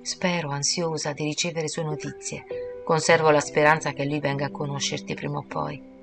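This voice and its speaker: A tender young woman, sorrowful and pleading, as a woman narrator reads her. The voice is low and soft, heartfelt in every phrase. Music plays clearly behind the reading. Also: little pitch movement, normal speed. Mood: sad pleading.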